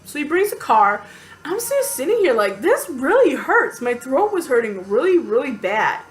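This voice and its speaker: Woman, casual vlogger. Animated, chatty, exasperated venting; voice on the higher side. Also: normal speed. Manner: animated, chatty, lots of fillers and acted-out quotes. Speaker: vlogger telling a personal story. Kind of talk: casual storytelling to camera.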